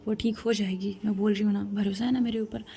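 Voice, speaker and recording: A woman voicing a worried middle-aged mother who calms her daughter with hushed reassurance. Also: mid-range voice, fast talker, gravelly, close to an everyday voice. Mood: soothing.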